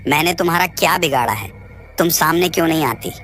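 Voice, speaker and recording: A man's voice: mid-range voice, expressive, normal speed, a bit bright, faint music behind, natural voice. A man voicing a frightened young man in a horror storybook, speaking in an anxious, pleading way. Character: frightened young man visiting a haunted ruin. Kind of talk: storybook narration.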